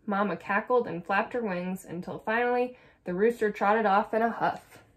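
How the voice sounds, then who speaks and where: A young adult woman reading a children's picture book aloud with clear, soft storytelling narration. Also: medium pitch, moderate pace. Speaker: storybook reader.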